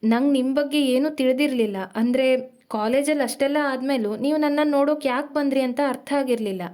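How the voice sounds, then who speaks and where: A woman's voice: sits high, a little fast, a little mellow, close to an everyday voice. A woman voicing a young woman who hurriedly confesses a painful secret to her partner, strained and pleading.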